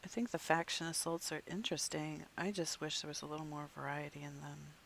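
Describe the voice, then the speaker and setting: A game streamer chatting casually to viewers while playing, rambling along and dropping into soft muttered asides. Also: mid-range voice, little pitch movement, brisk, creaky, a little hiss or hum. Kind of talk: casual gameplay chat to viewers.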